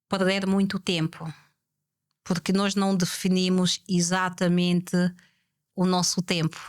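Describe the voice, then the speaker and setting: On a podcast conversation, a woman guest with a fairly low voice speaks reflectively and measuredly. She repeats her key points and poses rhetorical questions.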